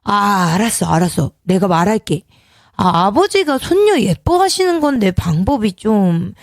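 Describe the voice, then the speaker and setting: A man's voice: sits high, very animated, moderate pace, no echo, clean studio sound. Woman voicing a timid, placating young husband in a storybook drama. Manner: placating, hushed.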